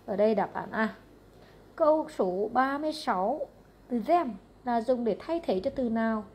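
A woman with a Vietnamese accent, an English teacher going briskly through exam answers question by question, matter-of-fact and repetitive. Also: medium pitch, darkish tone, slight background noise.

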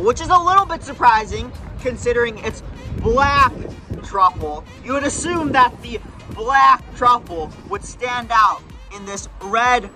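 A young man hosting a casual fast food review vlog outdoors, chatty and jokey, talking straight to his viewers. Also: high-pitched, poor audio.

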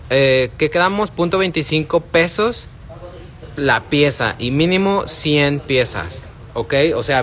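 A man's voice: mid-range voice, a bit bright. A Mexican man hosts a live shopping stream from inside a shop, speaking into a phone held at arm's length. He chats casually, greets viewers by name and answers their questions in an ordinary, mid-range voice. Faint shop noise sits behind him. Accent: Mexican Spanish. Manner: chatty, addresses viewers by name, answers chat. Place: indoors in a wholesale shop.

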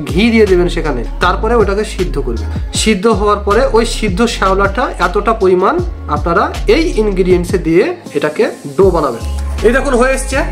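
A young man with a West Bengal Bengali accent, host of a fishing channel, explaining a bait recipe step by step in an earnest, repetitive way. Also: high-pitched. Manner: repetitive, earnest instructional talk. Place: small indoor room. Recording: echoey room with background music.

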